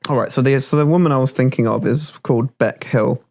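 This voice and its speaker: A man hosting a casual podcast, his voice gravelly with fry at mid pitch. He rambles through stories, searching for names as he goes. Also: fast, a little mellow. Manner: rambling, laughs while quoting clips. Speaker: podcast host. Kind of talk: casual chat.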